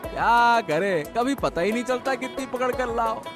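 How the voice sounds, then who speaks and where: A man voicing a high-pitched cartoon fishmonger. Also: lively intonation, normal speed, over music. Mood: chatty. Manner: loud street hawking. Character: cheerful honest village fishmonger. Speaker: fish seller. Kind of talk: animated cartoon dialogue.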